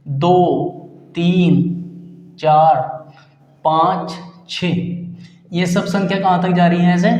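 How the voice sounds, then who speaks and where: A man's voice: sits high, a little mellow, reverberant, big-room sound, muffled recording. A man teaching a maths lesson. He asks questions and answers them himself, and he repeats key terms as he counts out numbers. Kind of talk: classroom lesson at a board.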